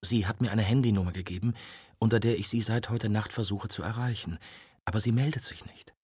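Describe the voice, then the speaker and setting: A man's voice: fairly low pitch, a little fast, a little mellow, husky, no room sound. A man voicing a stubborn young woman journalist who presses and pleads insistently, in an audiobook. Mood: pleading. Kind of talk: audiobook dialogue.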